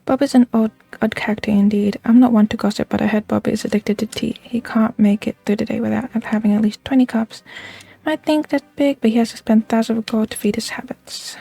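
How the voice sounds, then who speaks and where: Woman reading as a mellow, confiding village gossip. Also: on the high side, fairly even intonation, a little fast, vocal fry, husky. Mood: confiding, gossipy. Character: gossipy villager, eagerly spilling a noble family's secrets. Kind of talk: read-aloud game character dialogue.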